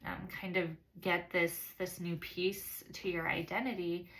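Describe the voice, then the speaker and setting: A woman's voice: lowish voice, flat delivery, unhurried, a bit bright, rough recording. A woman talking in a casual, reflective vlog style, earnest and somewhat hesitant in her phrasing. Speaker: science teacher giving a course reflection.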